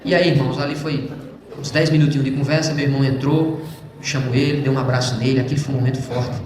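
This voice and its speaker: A man giving an emotional church testimony, speaking fervently to the congregation and swinging between loud and hushed passages. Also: medium pitch, flat delivery, quick pace, background noise. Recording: very echoey church hall.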